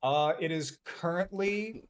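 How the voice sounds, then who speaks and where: A woman co-hosting a live stream, soft-spoken and teasing in casual chat. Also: lowish voice, slow pace. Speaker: co-host.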